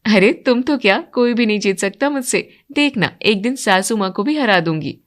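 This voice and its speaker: A woman's voice: mid-range voice, animated, normal speed, natural voice. Playful, outspoken new bride, read by a woman narrator. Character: bold cheerful young bride.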